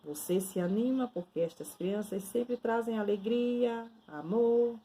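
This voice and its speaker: A woman, a nun giving a devotional, telling a story in a slow, dramatic second-person way. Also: on the high side, dark tone, husky, low-quality recording.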